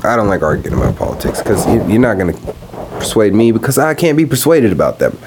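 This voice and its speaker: A young man talking casually and profanely on his podcast while high, rambling from one thought to the next. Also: big pitch swings, quick pace, noisy background. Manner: rambling, profane, laid-back. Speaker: podcast host. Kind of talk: casual stoned podcast monologue. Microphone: podcast microphone.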